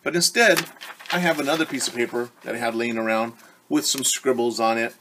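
In a noisy living room at home, a man in his forties reads a storybook to young children as their teacher, repeating key words and speaking to them directly. His mid-range voice is a little fast, with fairly even intonation.

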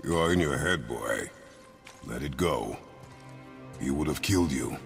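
A man's voice: rumbling low, animated, a little slow, vocal fry, long reverb tail, faint music behind, exaggerated voice. An actor playing a stern, grim warrior father who speaks in terse, commanding lines, in a video game.

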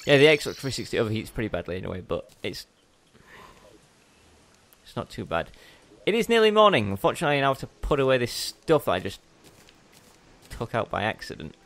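A man's voice: medium pitch, very animated, brisk, long pauses, fairly bright tone. A young man giving casual gameplay commentary as a let's play host, chatty and rambling, often correcting himself mid-sentence.

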